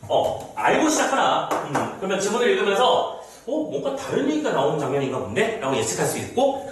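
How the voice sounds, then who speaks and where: A middle-aged man teaching a literature lecture to students, chatty and lively, reading passages aloud and acting out the characters. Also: high voice. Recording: very echoey room, mic off at a distance, faint noise.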